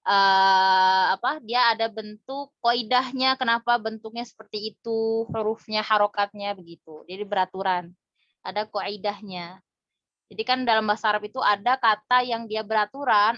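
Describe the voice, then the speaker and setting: Patient woman teacher, fairly high voice, dry close phone sound, muffled. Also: fairly bright tone, no room sound. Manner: patient, explains step by step with quick asides. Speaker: Arabic reading teacher. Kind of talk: casual explanatory lesson.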